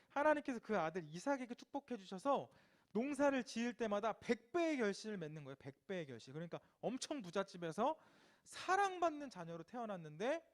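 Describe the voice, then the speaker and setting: A male youth pastor delivers a storytelling sermon in a conversational, animated way. His voice sits high and swings widely in pitch. He keeps tossing rhetorical questions to his listeners.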